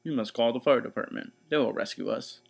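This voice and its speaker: A man's voice: medium pitch, a little fast, vocal fry, breathy edge. A man voicing an emphatic husband with shaky confidence in a children's storybook. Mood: declarative. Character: husband who declares things with shaky confidence.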